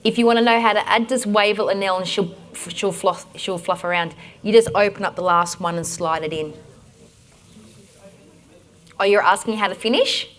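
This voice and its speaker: A woman with an Australian accent presenting a conference workshop, giving direct, energetic instructions to the audience. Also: medium pitch, moderate pace, long pauses.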